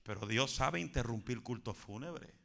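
A man preaching a fervent Pentecostal sermon, building to shouts and dropping in English phrases. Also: medium pitch, lively intonation, moderate pace, creaky.

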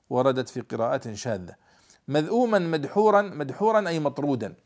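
Male scholar, mid-pitched voice, lively lesson commentary, slows to spell out readings. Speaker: scholar explaining a Quran commentary.

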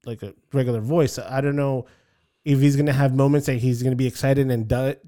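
A man's voice: mid-range voice, fairly even intonation, quick pace, dark tone. A man in casual chat who tells stories eagerly, trailing off into fillers.

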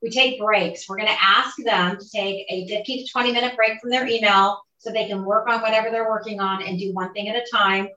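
Energetic woman coach in a roomy space. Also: medium pitch, a little fast, few pauses, dull audio. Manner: energetic, instructive. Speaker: business coach. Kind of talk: coaching advice on a podcast. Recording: roomy, mic a bit distant.

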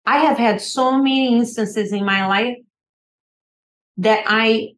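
High-voiced Brazilian-accented woman author. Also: takes it slowly. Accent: Brazilian Portuguese. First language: Portuguese. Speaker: author and guest. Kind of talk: podcast interview.

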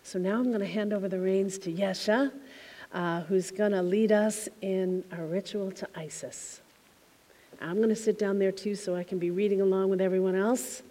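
A woman minister telling a congregation a heartfelt story in a reflective way, her phrases often trailing off softly. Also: medium pitch, steady tone, normal speed, big-room sound. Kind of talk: spiritual talk to a congregation. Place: temple hall.

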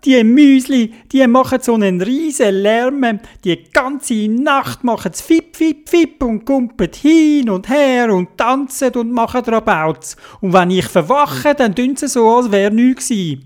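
A woman voicing a sleepy, complaining female cat with a high meowing voice and a Swiss German accent. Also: lively intonation, slow pace, few pauses, a little mellow. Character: sleepy, grumpy then grateful female cat.

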